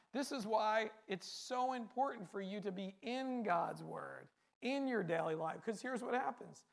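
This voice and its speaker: A man's voice: sits high, gravelly, fairly bright tone. A man preaching a sermon, speaking earnestly in a repetitive cadence and often asking rhetorical questions.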